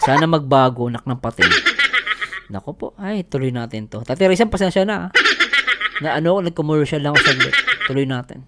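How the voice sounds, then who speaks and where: A man's voice: fairly high pitch, expressive, brisk. A man from the Philippines hosting a vlog, chatting casually with viewers and laughing often as he talks. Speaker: vlogger host. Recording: noisy recording.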